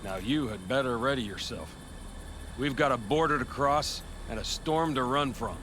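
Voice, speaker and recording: A man performs a weathered older nomad from a video game. His voice is bright and forceful, with a deliberate, folksy wryness. A faint vehicle rumble sits behind him. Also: lightly acted, poor audio. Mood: wry, urging.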